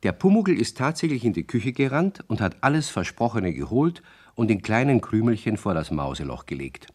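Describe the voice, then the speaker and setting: A man reading the narration of a children's radio story in a lively storytelling manner. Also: lowish voice, fairly quick.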